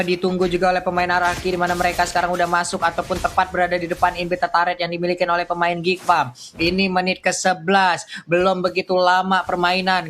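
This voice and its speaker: A woman's voice: fairly low pitch, fairly bright tone, a little hiss or hum. A woman with an Indonesian accent giving live play-by-play commentary on an esports match. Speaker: esports caster.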